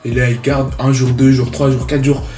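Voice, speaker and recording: A young man telling jokes casually and deadpan, slangy and halting, often repeating himself. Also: mid-range voice. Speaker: contestant in a joke-telling challenge. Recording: roomy echo, music behind. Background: music.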